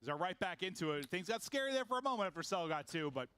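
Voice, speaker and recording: A man's voice: high voice, sing-song, fast talker, very noisy. A man casting a competitive video game match live, calling the play-by-play as it happens. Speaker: esports match caster.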